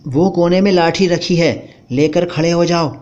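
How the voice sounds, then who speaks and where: A man's voice: a little high, steady tone, moderate pace, darkish tone, pitched above the performer's own voice, natural voice. A man voicing a bold, stubborn young wife who talks back sharply, in a dull lo-fi recording. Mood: defiant.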